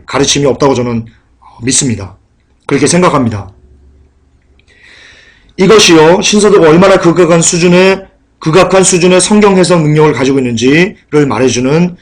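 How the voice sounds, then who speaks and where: A male preacher delivering a sermon with a slightly high voice. He is emphatic and combative, and he drives his points home by repeating them. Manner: combative, denouncing.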